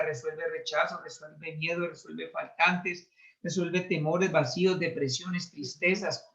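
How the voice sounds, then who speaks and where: A man pastor with a notably high voice, teaching in emphatic runs of phrases and affirming his partner with short replies. The recording is dull and lo-fi. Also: fairly bright tone. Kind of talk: sermon dialogue. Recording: muffled lo-fi sound.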